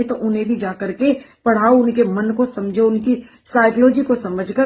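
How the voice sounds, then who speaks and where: A woman educator speaking passionately in a monologue, forceful and rhetorical, repeating her phrases for emphasis. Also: mid-range voice, a little hiss or hum. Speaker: educator and social media speaker. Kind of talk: impassioned monologue to camera.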